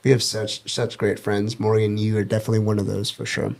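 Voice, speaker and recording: A man's voice: on the low side, monotone, fairly quick, gravelly, darkish tone. A man hosting a podcast in casual interview chat, appreciative and agreeable. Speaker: podcast host.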